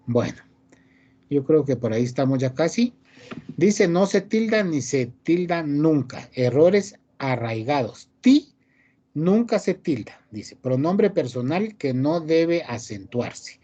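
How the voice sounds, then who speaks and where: A male teacher lectures in a mellow, relaxed voice, reading rules aloud and then explaining them. He often ends a phrase with a quick question to check that students follow. The recording sounds dull and lo-fi. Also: fairly high pitch. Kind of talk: online class lecture.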